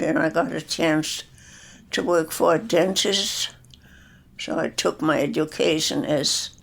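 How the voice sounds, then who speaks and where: Slow gravelly woman of a hundred. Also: deep voice. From Denmark. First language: Danish. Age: 100s. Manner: plainspoken, matter-of-fact reminiscing. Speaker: interviewee. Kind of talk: documentary interview.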